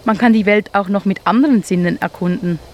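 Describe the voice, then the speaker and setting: A woman voicing a wise, calm male owl who gently gives advice in a told animal story. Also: mid-range voice, fairly quick, natural voice. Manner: gentle, advising.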